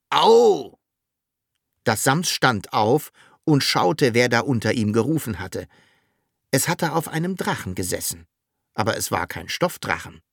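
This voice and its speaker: A narrator reading a children's story aloud in a lively, expressive way. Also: mid-range voice, no echo, studio quality.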